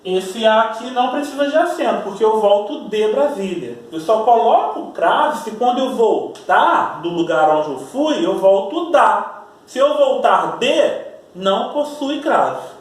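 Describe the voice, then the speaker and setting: A male Brazilian school teacher giving a slow grammar lesson, repeating his points and checking in with the class. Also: high-pitched, lively intonation, distant mic. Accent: Brazilian Portuguese. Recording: very echoey room, voice from off-mic.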